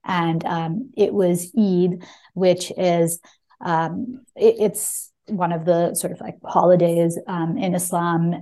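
A debut memoir author, appearing as a guest, opens with a short reading and then gives reflective interview answers. Her low, mellow voice sounds thoughtful and hesitant as she searches for words.

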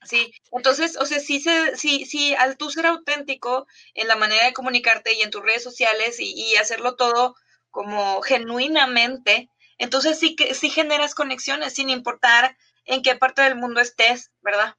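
Bright high-voiced woman host, halting. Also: fairly even intonation. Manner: halting, many restarts and fillers. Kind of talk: casual conversation.

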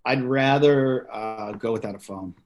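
A man in his forties, a guest comedian on a podcast, with a middle-pitched voice. He tells stories in an animated way and acts out the people he quotes. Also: unhurried, dull audio. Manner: animated storyteller acting out quotes. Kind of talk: podcast interview.

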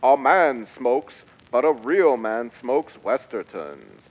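A man playing a slick old-time radio announcer who narrates and sells in a smooth, salesy 1940s style. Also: medium pitch, lively intonation, takes it slowly. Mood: pitching. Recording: muffled lo-fi old radio sound.

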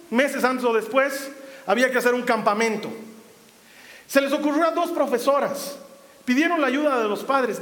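A man preaching a sermon, telling stories with lively swings between loud exclamations and hushed, quiet passages. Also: very high-pitched, a little hiss or hum. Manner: animated storytelling, swings from shouting to hushed. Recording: roomy hall reverb.

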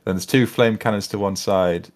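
A man's voice: on the low side, fairly even intonation, moderate pace. A man casually recapping a tabletop battle, rambling and self-deprecating as he thinks aloud. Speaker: tabletop wargame player recapping games. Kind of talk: casual chat.

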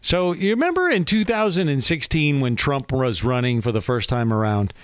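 A man's voice: mid-range voice, animated, moderate pace, clear, resonant tone, dry recording, clean studio sound. A man co-hosting a podcast in casual chat, telling anecdotes in a rambling, amused way. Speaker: podcast co-host.

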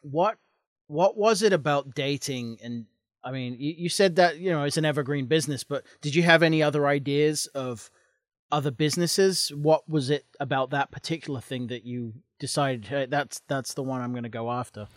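A man hosting a conversational interview, asking questions with halting starts and restarts. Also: fairly high pitch, no room sound, studio quality. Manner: halting, many restarts and fillers. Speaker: interviewer host.

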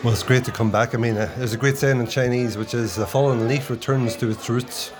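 Male interviewer with a mid-pitched voice. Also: steady tone, a little fast. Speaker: interviewer, host. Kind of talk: casual interview chat.

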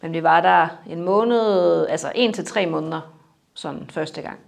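A young adult woman in a personal interview, reflective and halting, her sentences trailing off softly. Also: lowish voice, gravelly.

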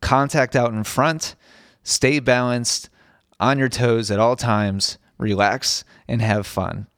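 On his solo tennis podcast, a coach speaks slowly and earnestly in a mid-range, fairly bright voice with fairly even intonation. His voice is slightly strained as he recovers from losing it, and he repeats himself when restarting phrases. The studio podcast mic delivers studio-quality sound without echo.

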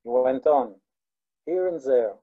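A man with an Israeli accent, a native Hebrew speaker, giving an online lecture in a slow, halting way with many restarts and fillers. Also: mid-range voice, animated, breathy edge, phone-quality sound.

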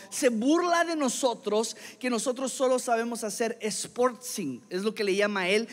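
High-voiced pastor preaching in a hall. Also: male voice. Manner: reads scripture slowly, then chats casually with the congregation. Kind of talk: sermon. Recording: reverberant hall.

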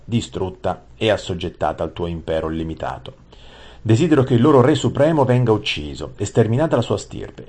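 A man voicing a hot-tempered young prince who shouts and rants. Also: on the low side, husky, pitched above the performer's own voice. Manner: shouting, ranting.

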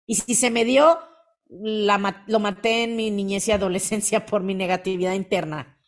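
A woman, hosting a motivational podcast and acting out quoted voices with lively energy. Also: medium pitch, moderate pace. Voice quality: animated, acts out quoted voices. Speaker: podcast host.

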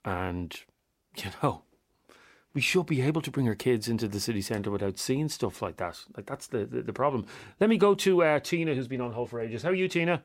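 A man's voice: medium pitch, expressive, fairly quick, no room sound. A middle-aged man, hosting a radio phone-in conversationally and pressing his points with repeated phrases.

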